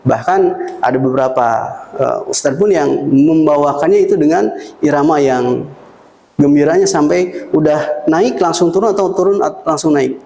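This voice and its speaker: A man's voice: a little high, normal speed, creaky, mellow. Male recitation teacher in an echoey room. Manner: demonstrates melodies by singing, has viewers repeat. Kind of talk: Quran recitation lesson.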